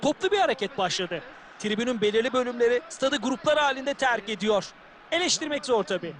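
A high-pitched man analyses a football match as co-commentator. His remarks come over faint background noise, in the style of sports game commentary. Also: expressive, a little fast, fairly bright tone.

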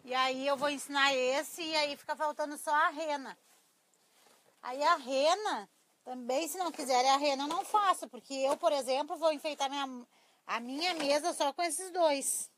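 A woman's voice: sits high, moderate pace, fairly bright tone, slight background noise. A middle-aged Brazilian woman with a thin, reedy, cracked voice, chatting informally to viewers as she teaches a live craft class. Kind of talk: casual live-stream tutorial chat. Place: small cluttered craft workshop indoors. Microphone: clip-on lapel mic.

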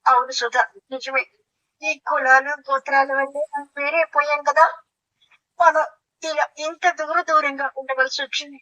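A woman voicing a sentimental young husband in a comic audio play, talking slowly and melodramatically with sighs. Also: high voice, flat delivery, pushed and bright, rough recording. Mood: tender. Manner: slow, sighing, melodramatic.

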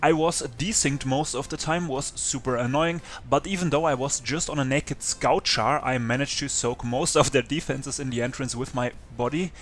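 A man's voice: medium pitch, moderate pace, hardly any pauses, fairly bright tone. A man narrating his online survival game clips for his channel in a chatty way, talking to viewers. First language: German. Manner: chatty, talks straight to viewers. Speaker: gaming YouTuber narrating. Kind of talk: casual gameplay narration.

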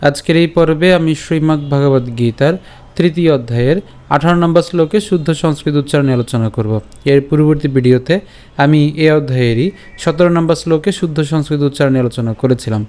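A man leads a pronunciation lesson, chanting each verse line slowly. He then breaks the words into syllables and repeats them patiently. His voice sits somewhat high. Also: a little mellow. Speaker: Sanskrit recitation teacher.

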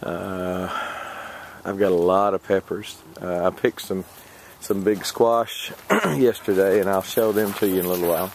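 A man speaking in a lowish voice at a slow, easygoing pace as he films his garden outdoors on a handheld camera. He hesitates often and fills the gaps with "uh" and small chuckles. A faint hiss of outdoor noise runs underneath. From Texas. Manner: rambling, hesitant, many fillers, chuckles often. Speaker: vlogger. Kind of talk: casual garden walkthrough.

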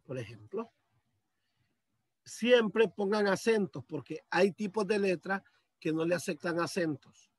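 A man's voice: sits high, a little slow, pauses often, slightly rough, dry recording. A male teacher walking students through a computer task step by step, patiently, on a video call. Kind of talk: screen-share computer lesson. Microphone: computer mic on a video call.

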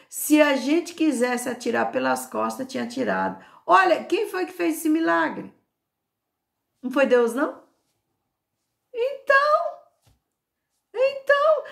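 A woman's voice: sits high, creaky, fairly bright tone. An older woman with a Brazilian Portuguese accent, a grandmother giving an informal devotional sermon to her camera, fervent, stretching out repeated words and calling out praise. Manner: fervent, drawn-out emphatic repetitions and cries of praise. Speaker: home preacher and YouTuber.

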